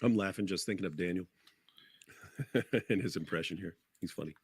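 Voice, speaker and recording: A man's voice: sits low, brisk, husky, no echo. A man chatting casually as a livestream guest, telling a story in a rambling way with many restarts.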